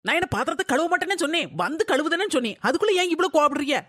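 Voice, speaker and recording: An indignant young daughter-in-law, played by a woman, argues back quickly in a high voice. She defends herself hard, and the recording is dry and close. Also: expressive, fairly bright tone, no echo. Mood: exasperated. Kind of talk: family quarrel skit acting.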